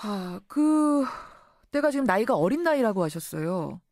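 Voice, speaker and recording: A radio news show host speaks in a mid-range, darkish voice, very animated yet unhurried, recorded clean in a studio with no room sound. Articulate, she conducts an interview and restates what she hears as questions.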